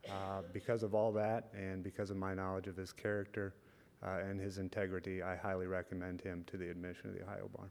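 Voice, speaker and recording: A man giving a formal recommendation speech with measured, deliberate phrasing. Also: sits low, little pitch movement, vocal fry, a little mellow. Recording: echoey hall.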